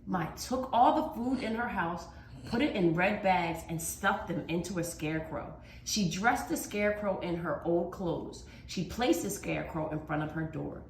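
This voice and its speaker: With a fairly low pitch and lively intonation, a woman performs a children's storybook as a teacher, dramatically drawing out emphatic words. Faint background noise and a roomy echo fill the recording.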